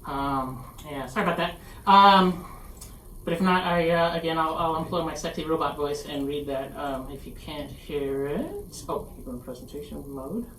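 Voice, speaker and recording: A halting, casual presenter talks through a conference session, self-deprecating and loose. The voice sits at a middling pitch and comes from a distance, picked up across a roomy, echoing space with a faint hiss underneath. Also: a bit bright. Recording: echoey room, distant mic, faint noise.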